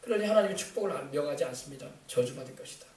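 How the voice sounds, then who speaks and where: A man's voice: fairly high pitch, lively intonation, rapid-fire, darkish tone. A man preaching a sermon as pastor, emphatic and colloquial, tossing rhetorical questions to the congregation. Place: church sanctuary. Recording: echoey church from far off.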